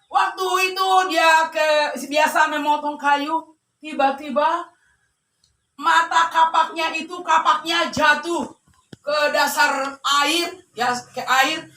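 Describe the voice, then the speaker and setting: A woman preacher delivering a sermon, shouting and exhorting the congregation. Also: sits high, steady tone, slow, far from the mic. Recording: echoey hall, mic from afar.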